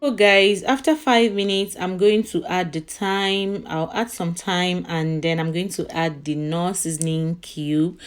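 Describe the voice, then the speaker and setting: Casting: woman, slightly low voice, chatty cooking vlogger talking viewers through steps. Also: fairly even intonation, measured pace, hardly any pauses, smooth, faint music behind. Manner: chatty, addresses viewers as "you guys" often. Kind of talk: casual recipe narration.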